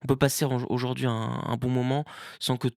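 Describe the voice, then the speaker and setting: A man's voice: medium pitch, little pitch movement, quick pace, gravelly, a little mellow, no echo, studio quality. A man talking casually on a podcast, hesitant, with many fillers and restarts. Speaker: event organizer on a podcast.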